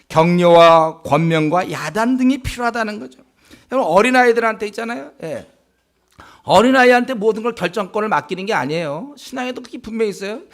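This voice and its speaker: Pastor guy preaching in church, pretty high voice, keeps throwing questions at the crowd. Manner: conversational preaching with rhetorical questions to the congregation; acts out quoted remarks in a slowed, lowered voice. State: sore throat. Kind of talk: sermon. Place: church sanctuary.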